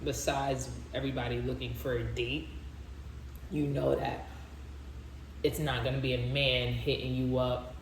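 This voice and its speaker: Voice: mid-range voice, level tone, measured pace, pauses often. A video host chatting casually and informally to viewers, with lots of slang and direct address. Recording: roomy echo with faint background noise.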